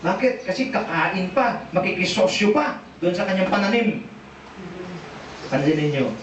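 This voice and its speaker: A man with a Filipino accent preaching a sermon, animated and asking the congregation questions. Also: high voice, normal speed, a little hiss or hum. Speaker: pastor. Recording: echoey church, distant dull mic.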